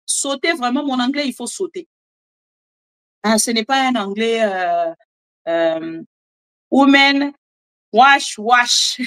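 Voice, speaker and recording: A woman with a Congolese French accent giving animated, chatty political commentary and joking asides to her viewers. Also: fairly high pitch, a little slow, pauses often. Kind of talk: casual live commentary, French mixed with Lingala.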